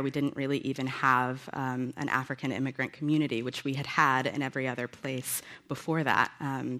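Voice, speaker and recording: A woman from the United States, a novelist answering interview questions in a thoughtful, halting way with frequent fillers and restarts. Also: a bass voice, fairly bright tone. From United States (Alabama). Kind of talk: conversational author interview.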